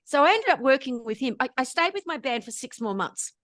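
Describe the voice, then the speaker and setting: An Australian woman telling lively stories as an interview guest, often laughing between anecdotes. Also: sits high, brisk, dry recording, clean studio sound. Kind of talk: storytelling in casual interview chat.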